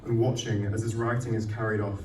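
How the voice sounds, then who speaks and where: At an indoor arts night event, a poet with a fairly low, level-toned voice delivers his own work briskly, sounding self-deprecating and full of swearing. The echoey room and distant mic placement leave the audio with faint noise.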